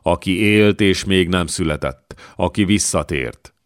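Male reader voicing a murmuring prophet from the abyss; ominous, very deep. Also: no echo, clean studio sound, lightly acted.

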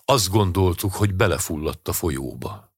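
An exhausted airman who forces each word out, read by a man narrating a storybook. The voice is very low and husky. The sound is close and dry. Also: expressive, dry recording, heavily acted. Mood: grim. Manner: strained, forced out. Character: exhausted male airman straining to speak. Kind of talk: audiobook dialogue reading.

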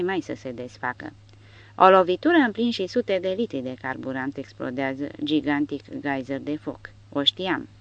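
A woman narrating an audiobook in a dramatic, expressive reading style. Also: low voice, no echo. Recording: dull dry recording.

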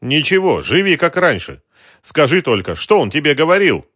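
Man doing a brisk, angry market boss. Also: a little high, no echo, studio quality, voice pushed up. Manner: energetic, curt, cursing. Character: brisk, angry male boss around thirty.

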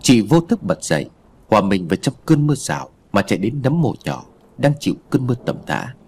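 A man narrating a ghost story in a dramatic, expressive way. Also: fairly low pitch, a little fast, slightly rough.

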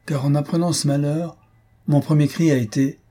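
A man's voice: on the high side, fairly even intonation, normal speed, mellow, pitched above the performer's own voice, close to an everyday voice. A man reading an audiobook, voicing a stern, practical middle-aged aunt who lectures bluntly, raised well above his own voice. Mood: insistent. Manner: lecturing, firm and cutting.

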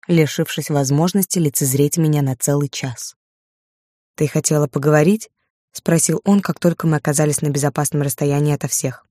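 A woman reading an audiobook in the first person, with lively, ironic storytelling. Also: low-pitched, dry recording, studio quality. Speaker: audiobook narrator.

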